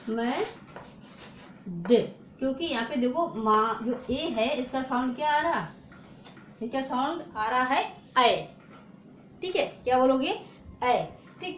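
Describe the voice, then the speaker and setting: A woman teaching children a lesson, repeating points and answering her own questions as she writes on a board. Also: sits high. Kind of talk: classroom-style lesson to children. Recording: echoey room, faint hiss.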